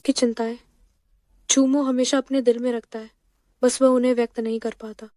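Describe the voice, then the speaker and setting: A woman's voice: a little high, level tone, normal speed, dry recording, studio quality, natural voice. A woman dubbing a cheerful, talkative young woman who poses as a girlfriend. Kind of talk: dubbed drama acting. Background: soft background music.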